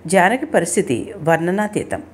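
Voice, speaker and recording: A woman narrating a written short story with an expressive, emotional reading. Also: fairly low pitch, moderate pace, slightly rough.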